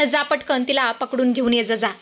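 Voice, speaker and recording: A haughty rich lady with a high, commanding voice, as a woman storyteller puts her on. She snaps orders and sneers at the poor, sure she is always right. Told as a spoken storybook. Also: fairly even intonation, normal speed, a bit bright, natural voice. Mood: bossy, scornful. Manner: commanding, scornful.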